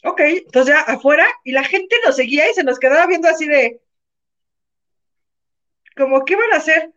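High-voiced Mexican woman telling a story. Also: normal speed. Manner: animated, acts out voices in her anecdotes. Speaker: co-host. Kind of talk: casual chat, storytelling. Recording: muffled lo-fi sound.

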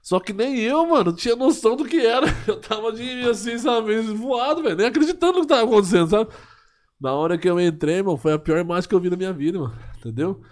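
Fast-talking São man, slangy. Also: high-pitched, lively intonation. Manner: slangy, heartfelt, rambling. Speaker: podcast guest. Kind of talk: casual storytelling chat.

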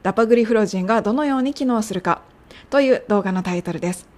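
A young woman casually teaching English pronunciation of medical terms, drilling the sounds slowly. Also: medium pitch, a little mellow. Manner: friendly, chatty coaching, drilling sounds slowly. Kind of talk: casual podcast lesson.

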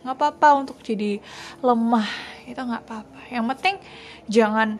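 Young woman, podcast host, soft reassuring chat, somewhat high-pitched, light background hiss. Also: moderate pace. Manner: gentle, reassuring, mixes English phrases into casual speech. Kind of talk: casual solo podcast talk.

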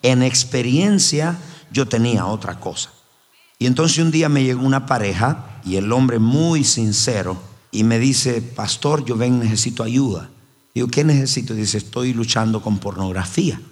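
A man preaching a sermon as pastor, telling stories emphatically with his voice swinging high and low. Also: animated, normal speed, a little mellow. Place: church hall. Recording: roomy hall reverb with faint ambience.

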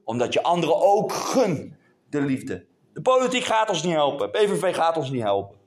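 A male preacher, speaking in a fairly high voice that rises and falls widely. He swings between hushed, intimate moments and raised, urgent appeals to his congregation. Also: big pitch swings, moderate pace. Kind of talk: sermon. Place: church hall before a congregation.

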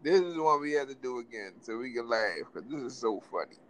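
A man's voice: mid-range voice, expressive, brisk, a bit bright, a little hiss or hum. A man hosting a casual chat, asking short questions and laughing often. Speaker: host.

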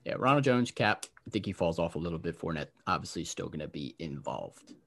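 A young man hosting a casual fantasy football podcast, briskly rattling off lists of players and giving his takes. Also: sits low, animated, a bit bright, a little hiss or hum.

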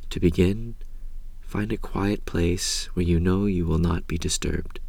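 A man guides a meditation in a very low, soft voice. His delivery is calm and unhurried, with long pauses and a gravelly creak as phrases trail off gently. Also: dry recording. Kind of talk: slow guided meditation narration.

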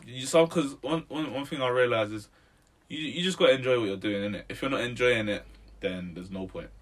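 Speaking briskly at a medium pitch, a man in his twenties chats casually in a London roadman accent during an interview about his music. His street slang is peppered with "innit" and "bro" at the ends of sentences.

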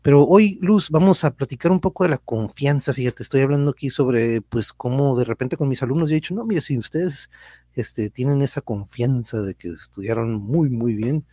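A middle-aged man with a Mexican accent, chatting casually on a live stream. His voice is mellow and warm, recorded close and dry with no room sound. He greets viewers by name and sprinkles in slang. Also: mid-range voice, normal speed, no room sound. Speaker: podcast host and teacher.

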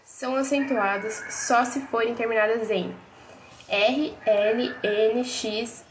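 A woman, reading grammar lesson notes as a teacher in a steady, list-like way. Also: a little high, slow pace, noisy background.

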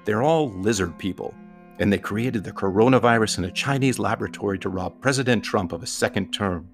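A man voicing a secretive male crow who spouts conspiracy theories in a hushed, confiding voice. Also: fairly low pitch, a little fast, faint music behind, natural voice.

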